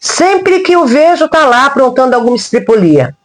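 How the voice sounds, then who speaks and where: A woman's voice: high voice, very animated, moderate pace, pitched above the performer's own voice. A woman voicing a fiery older woman with a rural Brazilian accent who scolds in folksy speech. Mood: scolding.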